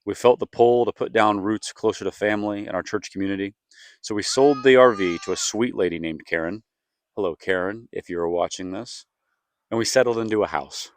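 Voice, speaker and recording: A man's voice: fairly low pitch, fairly quick, no room sound. A young man reading a scripted vlog voice-over as an earnest storyteller. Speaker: family vlogger, co-host.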